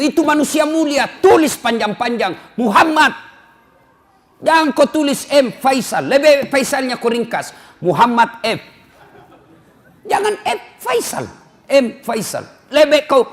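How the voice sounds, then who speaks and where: A man preaching a humorous sermon, animated and joking, acting out little dialogues. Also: very high voice, measured pace. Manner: animated, jokes and acts out dialogue.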